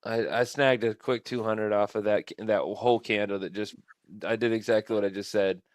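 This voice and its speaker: A man's voice: on the low side, steady tone, moderate pace, no echo. A man hosting a live trading stream, thinking aloud at his computer in a casual, rambling way.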